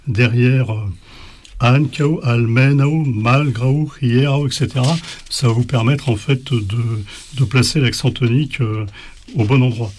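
Male teacher, casual spoken lesson, halting delivery, faint hiss with clicks. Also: mid-range voice, fairly even intonation, darkish tone. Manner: hesitant, many fillers and restarts. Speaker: language teacher.

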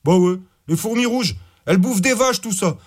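A man voicing a slow-witted, mocking male thug henchman in an audiobook, with slangy speech. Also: high-pitched, lively intonation, pitched above the performer's own voice. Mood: taunting.

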